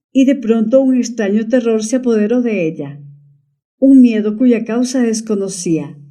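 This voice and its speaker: A woman narrating a dramatic audiobook story in a measured reading. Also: on the high side, mellow, far from the mic.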